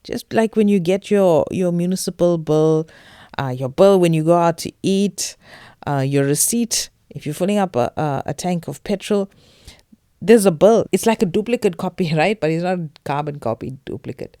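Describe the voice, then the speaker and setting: A podcast host from South Africa, her accent Durban Indian English, presents a financial show in an emphatic, chatty style aimed straight at listeners. Her voice is on the low side, dark and clean, at a moderate pace, recorded dry with clean studio sound.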